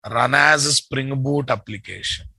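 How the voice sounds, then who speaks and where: Teaching programming live with a Telugu Indian English accent, this man thinks aloud, repeats phrases and checks on students using short questions and tags. His medium-pitched voice is unhurried, creaky and sharp, with a breathy edge. The recording is dry.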